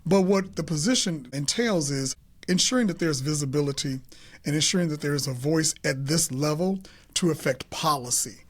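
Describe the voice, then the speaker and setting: Older male interview guest; fairly high voice, rambling and self-correcting. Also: moderate pace. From Chicago, South Side. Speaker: guest, city LGBTQ+ affairs director. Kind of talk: casual interview talk.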